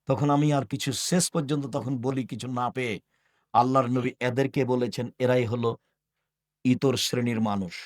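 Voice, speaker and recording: A man's voice: medium pitch, fairly even intonation, moderate pace. An older man from Bangladesh preaching a sermon, scolding his listeners with rhetorical questions that rise suddenly in force. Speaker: Islamic preacher.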